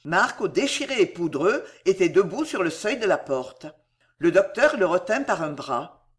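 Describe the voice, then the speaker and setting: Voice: mid-range voice, sing-song, normal speed. A narrator giving a dramatic, emotive reading of a storybook. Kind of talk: expressive audiobook narration.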